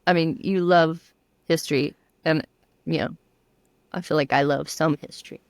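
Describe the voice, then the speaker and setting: A woman co-hosting a podcast who teases her partner with quick, wry quips. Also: low voice, fairly even intonation, no echo. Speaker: podcast co-host. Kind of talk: casual podcast banter.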